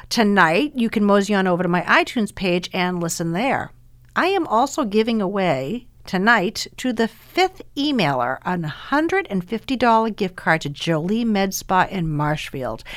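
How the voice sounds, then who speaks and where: A woman's voice: mid-range voice, a bit bright, no echo. A woman with a Boston accent hosting a radio interview show, with a chatty, informal way of talking. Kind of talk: radio interview and scripted host introduction.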